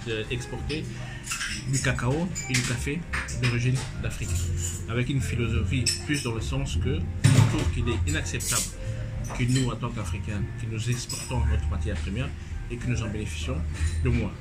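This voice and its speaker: A man in his thirties, from Congo, calmly explaining his work as an interview guest. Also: medium pitch, moderate pace, rough recording. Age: 30s. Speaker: guest, banker and coffee importer. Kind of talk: interview answers. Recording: loud music underneath.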